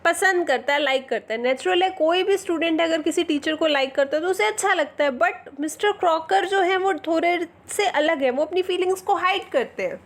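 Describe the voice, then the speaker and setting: A woman teacher explaining a play line by line with a high voice. She talks patiently and moves freely between Hindi and English. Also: normal speed, few pauses.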